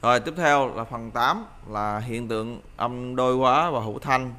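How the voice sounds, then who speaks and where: A man's voice: medium pitch, normal speed, pushed and bright. A man teaching a pronunciation lesson, explaining each point and repeating example words for the listener to drill, with frequent hesitant fillers.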